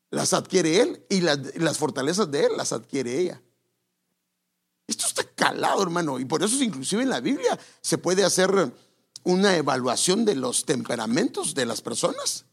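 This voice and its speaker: This male pastor's voice is a little high, gravelly, and slightly rough. Giving a sermon on marriage, he speaks conversationally and directly to his listeners, correcting himself along the way.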